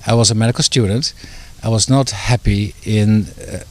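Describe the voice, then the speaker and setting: A man's voice: fairly low pitch, steady tone, normal speed. A middle-aged man from the Netherlands, speaking as an interview guest in a hesitant way, with many fillers and restarts. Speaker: guest, author and doctor.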